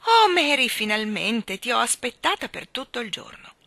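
Lady doing a cheery street painter guy, eager and fond, bright and bouncy. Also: fairly high pitch, very animated, moderate pace, no echo, voice pushed up, heavily acted. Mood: cheerful. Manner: eager and affectionate. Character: cheerful warm-hearted street artist man.

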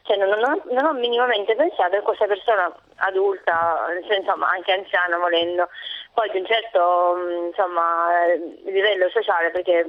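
A woman's voice: lowish voice, steady tone, normal speed. A woman in her thirties with a Sicilian accent, calling in to a radio show and hesitantly recounting a personal story. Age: 30s. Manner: hesitant, with many fillers and restarts. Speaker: caller. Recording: tinny phone line.

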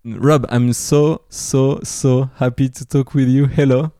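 A man with a French accent hosting a podcast, reading a lively intro and then asking questions in halting English. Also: mid-range voice, no echo, clean studio sound. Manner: enthusiastic, hesitant when speaking English. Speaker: podcast host. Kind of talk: scripted podcast intro and interview.

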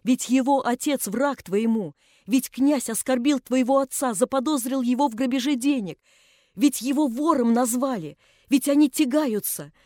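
A woman's voice: sits high, normal speed, mellow, no room sound, clean studio sound, lightly acted. A woman reading the part of a young man who pleads desperately and insistently with the woman he loves. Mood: pleading urgently.

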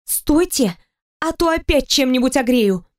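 A woman voicing a defiant, quick-tempered young heroine with sharp, indignant retorts in an audiobook. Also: sits high, animated. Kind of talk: audiobook reading.

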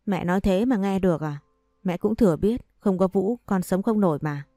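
A woman's voice: medium pitch, normal speed, warm tone, no room sound, clean studio sound, faint music behind, natural voice. A woman reading a clinging, bitter young wife. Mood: pleading, bitter. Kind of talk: audio story reading.

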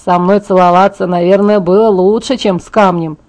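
A cocky teenage boy in a storybook reading, calm and smug, teasing without a care, as a woman narrator reads him. The voice stays mellow and darkish, close to the reader's own. It is an everyday read rather than a full character voice. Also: medium pitch, moderate pace, lightly acted.

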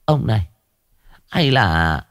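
A man's voice: fairly low pitch, big pitch swings, slow, a bit bright, no echo, clean studio sound, exaggerated voice. A man voicing a frightened middle-aged village wife, who stammers and pleads. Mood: worried, insistent.

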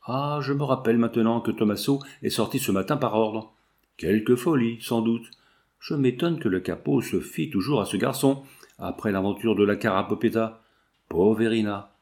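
A man's voice: on the low side, normal speed, darkish tone, lightly acted. A man voicing a coarse, mocking male brigand sentry in an audiobook. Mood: grumbling. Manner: mocking, crude cackle.

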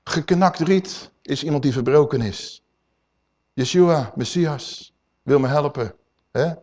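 A man preaching a sermon, emphatic and swinging between loud and hushed, calling his listeners dear people. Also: a little high, slow pace, dull audio.

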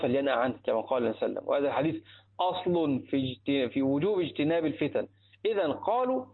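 Egyptian man teaching, tinny phone-like sound. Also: a little high. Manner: asks rhetorical questions and answers them himself. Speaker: Islamic teacher explaining a hadith text. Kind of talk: religious lesson commentary.

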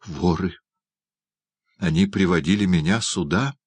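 A man's voice: sits low, unhurried, husky, no echo. A man voicing a grateful, earnest young orphan boy who speaks with eager feeling. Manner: eager, heartfelt.

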